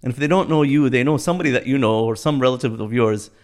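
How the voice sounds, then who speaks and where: A Bahraini man in his fifties chats in a relaxed podcast conversation, sounding reflective. His mid-range voice moves at a quick pace, and he often repeats and restarts his words.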